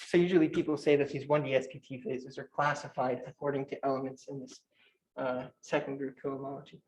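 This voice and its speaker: A young man giving a technical conference talk, talking quickly with frequent fillers and restarts. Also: medium pitch, little pitch movement, a little mellow, rough recording. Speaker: conference speaker. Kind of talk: academic talk.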